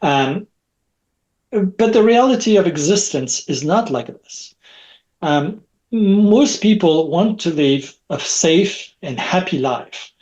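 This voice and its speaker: A middle-aged technology expert whose first language is French joins a podcast interview as a guest over a video call. He rambles, repeats words, and often tacks on a questioning "right?", speaking slowly and expressively in a fairly high voice with a darkish tone. The audio quality is poor.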